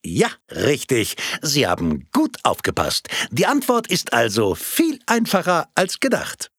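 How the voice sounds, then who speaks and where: A man's voice: mid-range voice, wildly swooping pitch, a little slow, fairly bright tone, husky, no room sound, clean studio sound, pitched above the performer's own voice, heavily acted. A man voicing a jovial, portly male film projectionist who coaxes and calls an audience to order in a raised voice. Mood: pleased. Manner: raised, coaxing, emphatic.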